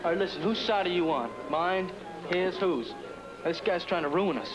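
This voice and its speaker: A brash scheming developer. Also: male voice, high-pitched, lively intonation, normal speed, dull audio. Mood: agitated. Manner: combative, sneering. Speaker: land developer in a soap opera. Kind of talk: 1980s daytime soap acting. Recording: loud music under the dialogue.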